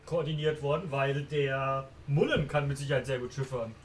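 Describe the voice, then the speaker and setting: A man's voice: medium pitch, fairly quick, over a noisy crowd. A man playing a tabletop game, in chatty, joking banter. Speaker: player. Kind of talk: casual tabletop game chat.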